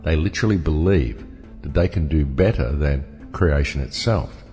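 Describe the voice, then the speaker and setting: A man speaking through a disguise effect that pitches his voice down very deep, giving an earnest, lecturing monologue that often calls the listeners folks. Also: normal speed, dark tone, long reverb tail, faint music behind. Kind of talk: scripted monologue message.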